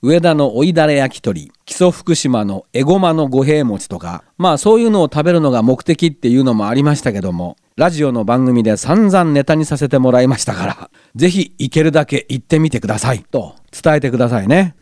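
A man's voice: mid-range voice, a little fast, hardly any pauses, dry recording, clean studio sound. A middle-aged man hosting a local radio show, chatting through listener mail and explaining things in a knowledgeable way. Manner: lively, explanatory, knowledgeable about speech and accents. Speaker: radio host.

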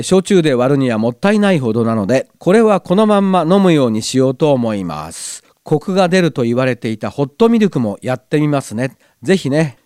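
This community radio host has a slightly high, slightly mellow voice, captured on a studio mic with no room sound. He chats casually and reads listener letters aloud from a glass-walled studio in a cinema.

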